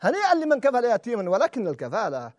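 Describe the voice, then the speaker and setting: High-voiced, animated preacher. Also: male voice, rapid-fire, highs cut off. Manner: emphatic, swings from loud exclamations to hushed asides. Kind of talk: sermon.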